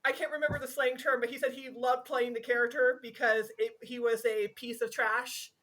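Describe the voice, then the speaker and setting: A woman's voice: fairly high pitch, little pitch movement, normal speed, fairly bright tone, rough recording. A woman co-hosting a casual podcast, gushing and enthusiastic, laughing as she talks. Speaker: podcast co-host.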